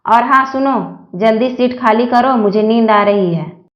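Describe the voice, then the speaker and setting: A woman's voice: fairly high pitch, unhurried, echoey room, dull audio, background noise, lightly acted. A woman voicing a rude young man on a train, snapping at a girl who keeps bothering him. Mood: annoyed. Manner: irritated, snapping.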